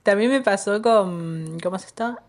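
A woman's voice: medium pitch, moderate pace. A young woman with a Rioplatense Spanish accent, co-hosting a casual chat with lots of fillers. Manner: chatty, laughing, many fillers. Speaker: podcast co-host.

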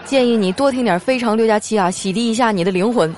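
A slightly high, slightly mellow female voice moves at a quick pace, with light background music and slight background noise. As host of a comic show, she reads listener jokes playfully, laughs often, and acts out quoted lines in a raised voice.

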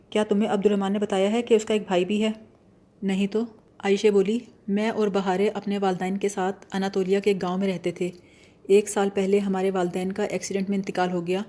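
A woman's voice: medium pitch, dark tone, close to an everyday voice. A woman voicing an earnest young woman, an older sister, who speaks plainly.

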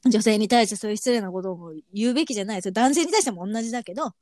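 A woman's voice: mid-range voice, rapid-fire, no echo, studio quality. A woman, chatting casually as a podcast co-host and telling stories bluntly. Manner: blunt, animated storytelling. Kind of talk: casual chat.

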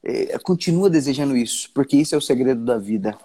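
A man with a Brazilian accent, a pastor talking in an earnest casual devotional chat, often restarting and slowing down for emphasis. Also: medium pitch, expressive, dark tone.

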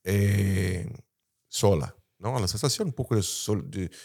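A man with a fairly low voice analyses politics conversationally in Spanish. His Brazilian Portuguese accent is audible, and he slips Portuguese forms into his Spanish. He often searches for the right word as he goes. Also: takes it slowly, darkish tone. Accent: Portuguese-influenced Spanish, Brazilian. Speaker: political commentator.

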